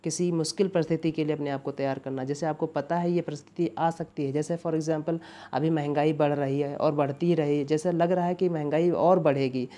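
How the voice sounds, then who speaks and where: Mellow-voiced man teaching exam vocabulary. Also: a little high, steady tone, a little fast. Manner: explains in Hindi, dropping English terms, often asks "है ना". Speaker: English teacher. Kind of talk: exam-prep vocabulary lesson.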